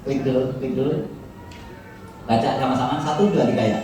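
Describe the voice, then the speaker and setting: A man preaching a sermon to his church, with animated delivery that leaps up in pitch when he quotes people. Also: brisk, slight background noise. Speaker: pastor. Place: large church hall. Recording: very echoey hall from far off.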